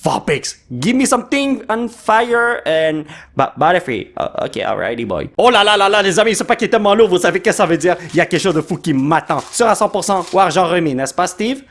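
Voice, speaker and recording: Give me an excitable Québécois man whose high, lively voice leaps around as he tears open card packs at home and rattles off every card name. He teases his son between pulls in a casual, playful way. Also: fairly quick. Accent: Québécois French. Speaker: YouTuber host. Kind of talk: card pack opening commentary.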